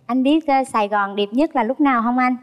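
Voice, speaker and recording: A woman's voice: high voice, fairly quick. A woman from Phan Thiet, a dating show contestant, chatty and a little nervous. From Phan Thiet, Vietnam. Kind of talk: casual conversation. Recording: reverberant TV studio with music.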